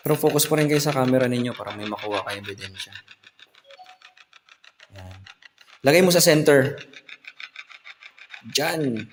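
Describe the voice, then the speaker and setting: A man of ordinary pitch leads a ghost hunt, coaxing and calling out to spirits he cannot see. His voice trails off into a long hall reverb, with a faint hiss of noise underneath. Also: animated, moderate pace, long pauses. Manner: coaxing, addresses spirits directly. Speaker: ghost hunter host. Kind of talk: on-site paranormal investigation talk. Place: indoors in an old building at night.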